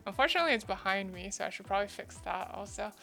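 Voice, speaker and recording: A woman's voice: medium pitch, lively intonation, rapid-fire, sharp tone, faint music behind. A woman chatting casually on a livestream in a cute, flustered anime-streamer manner, thinking aloud and muttering to herself as she goes. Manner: scattered, self-interrupting, mutters to herself. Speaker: livestreamer drawing fan art. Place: indoor streaming setup.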